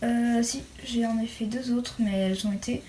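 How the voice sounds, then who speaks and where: This young woman's voice sits on the high side, with a steady, dark tone and a moderate pace. Showing off doll accessories she made as a hobby, she chats casually and self-deprecatingly. Clicks and noise run through the home recording.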